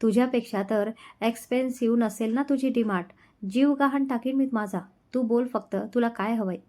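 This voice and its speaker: A woman's voice: on the high side, fairly even intonation, normal speed, darkish tone, lightly acted. A woman voicing a young husband in a romance storybook reading, speaking in an affectionate, playful way. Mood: tender. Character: young husband, tender and teasing.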